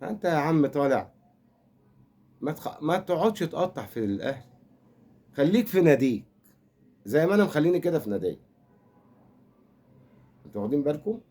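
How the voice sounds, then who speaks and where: This older football fan commentator speaks with an Egyptian accent in a slightly high, warm voice that swings widely in pitch. He talks fairly quickly with frequent pauses, rambling through a comic rant as he teases and mock-consoles.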